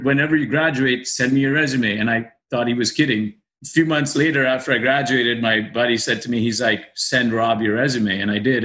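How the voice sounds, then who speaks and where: A man's voice: mid-range voice, fairly bright tone. A man from the UAE, a guest in a casual interview, telling his story candidly with frequent laughs and restarts. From grew up in the UAE. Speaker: podcast guest, managing director.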